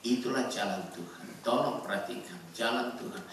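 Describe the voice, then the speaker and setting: A male pastor delivering an impassioned sermon, his voice bright and ringing. He rises to loud exhortation, then drops to hushed storytelling. He sounds far from the mic in a very echoey church hall. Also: fairly low pitch, normal speed, a little hiss or hum.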